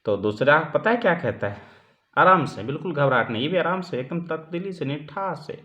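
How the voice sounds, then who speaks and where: A man's voice: on the high side, very animated, brisk, bright, forceful tone. A male teacher giving a lecture, explaining step by step, asking questions and answering them himself, and often checking in with his students. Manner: keeps checking in with the class. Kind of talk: classroom lecture explaining a text. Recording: dull lo-fi recording.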